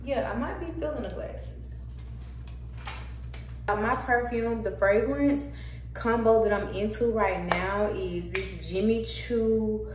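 A woman's voice: mid-range voice, slow pace. A woman vlogger in casual chat at home, easygoing and slangy as she talks to her viewers. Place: home indoors. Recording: roomy, from a distance, faint music. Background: faint music from a TV.

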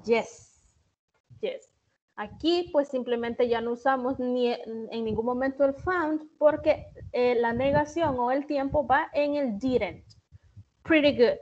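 A woman with a Salvadoran Spanish accent teaching English in an online class, explaining slowly and reading example sentences with care. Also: sits high, darkish tone, slight background noise. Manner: slow, deliberate, reads English examples carefully. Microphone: video call. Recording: muffled online-class audio.

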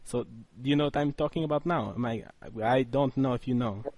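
Prank-call character: a man playing a clueless Russian man fresh off the plane, thick fake accent, halting broken English, dry close sound. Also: mid-range voice, darkish tone, no room sound, lightly acted. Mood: faux naive. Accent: put-on Russian accent. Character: bumbling Russian man newly arrived, feigning naive broken English. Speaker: prank caller.

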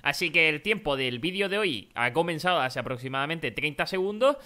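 This is a young-sounding man from hosting a gaming video, and his voice sits high and bright. He talks fast and excitably, and his voice jumps when a fight breaks out. His comes through clearly as he plays. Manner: excitable, shouts during fights. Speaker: gaming channel host. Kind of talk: casual gameplay commentary.

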